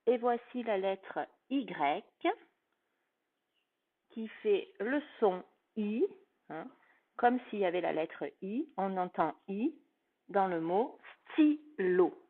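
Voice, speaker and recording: Patient woman teacher, slow and clearly spoken, phonics lesson for a child, recorded with a thin phone-line sound. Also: mid-range voice, animated. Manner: slow, carefully articulated, patient, addressing a child.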